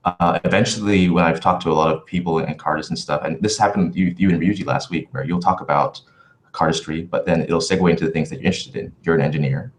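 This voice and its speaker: A man chatting casually as a livestream host in a halting, rambling, thoughtful way, with livestream headset-style audio. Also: low voice, steady tone. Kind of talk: casual livestream chat answering viewer questions.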